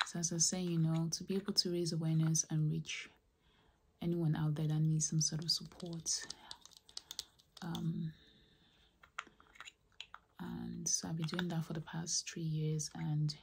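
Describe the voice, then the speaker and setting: A woman with a low voice delivers whispered ASMR chat, slipping between breathy whispers and soft speech. She is close to the microphone, and the recording has clear background noise with clicks. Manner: soft, repetitive trigger words. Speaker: ASMR host.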